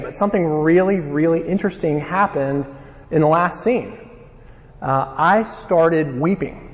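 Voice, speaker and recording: A man with a Southern accent from Alabama preaches in a reverberant hall. His voice sits a little high and his delivery is informal and folksy, like storytelling from the pulpit. The recording is somewhat dull. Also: a little mellow. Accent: Alabama Southern American. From Alabama, United States. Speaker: conference preacher. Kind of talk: sermon with scripture reading and personal storytelling. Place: large reverberant room, live talk.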